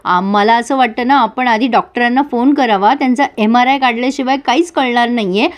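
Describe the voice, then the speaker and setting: A woman's voice: a little high, brisk, natural voice. A woman voicing a blunt, practical young man who talks matter-of-factly in a retold serial. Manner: reasoning, matter-of-fact.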